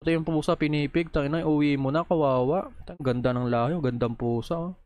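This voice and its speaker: A man's voice: a little high, fairly even intonation, quick pace, a little mellow, no echo. A man reacting on video in a heated, profane, scolding rant, talking straight into a close microphone. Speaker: video creator reacting to posts.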